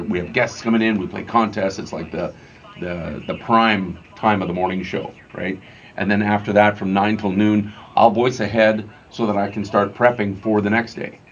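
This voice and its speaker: A man, a radio morning show host, casually explaining his work with lots of fillers and restarts. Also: low-pitched. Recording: slightly dull lo-fi sound with faint music.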